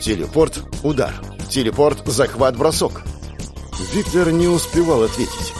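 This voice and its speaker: A man's voice: on the high side, a little slow. A man narrating an action audiobook in a tense, clipped storytelling manner, with music playing underneath. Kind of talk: scripted dramatic narration. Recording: narration over background music.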